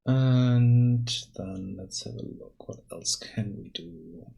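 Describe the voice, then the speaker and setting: A tired man casually thinking aloud while working on his game during a live stream, pausing and restarting often. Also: mid-range voice, animated, creaky, lo-fi sound. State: tired, yawning.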